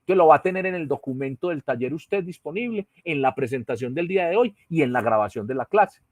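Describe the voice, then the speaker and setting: A man with a fairly high, expressive voice talks fast as he teaches an online class in Colombian-accented Spanish. He explains and checks in with his students using "¿sí?" and "¿cierto?", heard through a computer mic on a video call with no echo.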